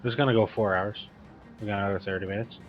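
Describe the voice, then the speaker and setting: A man's voice: on the low side, steady tone, quick pace, muffled recording, loud music behind the voice. A man running a tabletop game as game master, narrating combat casually over an online voice call and swearing freely. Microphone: online voice call mic.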